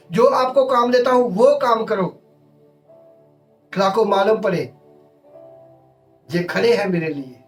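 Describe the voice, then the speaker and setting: A man's voice: very high voice, far from the mic. A male pastor, preaching a sermon in emphatic, repeated short phrases.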